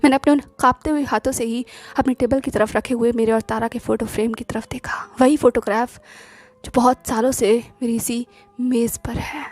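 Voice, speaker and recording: A woman narrating a romantic story in the first person in a soft, hushed, intimate way. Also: on the high side, fairly even intonation, normal speed. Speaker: audiobook narrator. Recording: faint background music.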